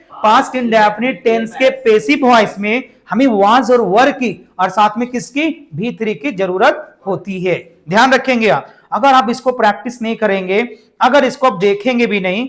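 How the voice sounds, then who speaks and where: A man with a fairly high voice and an Indian accent teaches English grammar to his class. He stretches out the example sentences slowly and keeps asking students to say them back. He addresses them as "brother" and "dear". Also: fairly bright tone. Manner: drills phrases slowly and asks the class to repeat.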